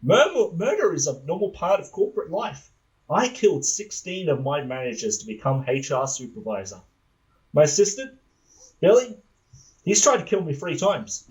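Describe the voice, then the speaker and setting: A man's voice: a little high, big pitch swings, normal speed, low-quality recording. A man playing a sleazy, sexist corporate boss with a leering, condescending manner in a comedic table read. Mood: smug. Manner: leering, condescending, explains everything.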